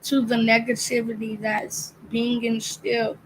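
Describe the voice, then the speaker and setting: Very slowly and with great care, a young female reader sounds out a picture book line by line, tripping on a word here and there. Her voice is a little high but monotone, and faint noise sits under the rough recording.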